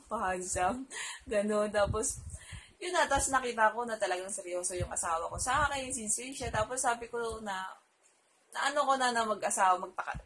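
A woman's voice: a little high, a bit bright, slight background noise, low-quality recording. Chatty woman vlogger laughing through a story. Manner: chatty, laughs often, trails phrases with fillers. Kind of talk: casual storytelling to viewers.

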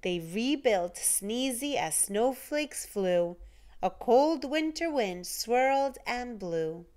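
Slow, very lively woman reading a storybook. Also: on the high side. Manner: animated, deliberate storytelling with dramatic emphasis. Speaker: storytime reader. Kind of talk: expressive children's picture-book read-aloud.

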